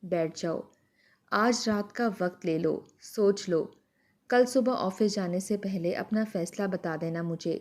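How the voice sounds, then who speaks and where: A man's voice: high voice, natural voice. A woman voicing a heartbroken young husband who pleads with his wife in a storybook tale. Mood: pleading. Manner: emotional, pleading.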